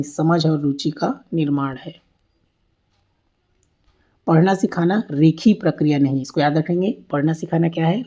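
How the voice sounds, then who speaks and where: A woman's voice: deep voice, dark tone, husky. A woman teacher giving an exam-prep lecture over slides, often asking and then answering her own questions and repeating key points.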